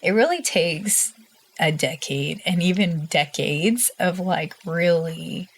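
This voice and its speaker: A woman's voice: lowish voice, takes it slowly, slightly rough. A woman guest in an interview, telling her story in an earnest, emotional way and laughing often. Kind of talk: candid personal interview.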